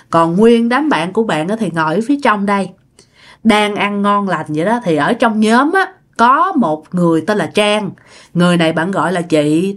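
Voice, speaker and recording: A woman telling a ghost story in a chatty way, talking straight to her listeners. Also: medium pitch. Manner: chatty, addresses listeners directly.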